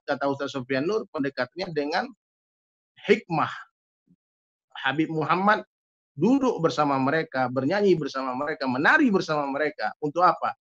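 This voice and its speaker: A man with a Riau Malay accent, a guest musician telling a story in an animated way and often addressing his host. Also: a little high, highs cut off. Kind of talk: storytelling in conversation.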